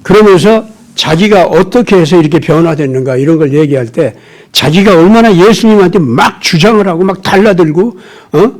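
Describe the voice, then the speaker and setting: A man's voice: high-pitched, moderate pace, a little mellow. A middle-aged male pastor giving a sermon in a conversational, storytelling manner, full of rhetorical questions.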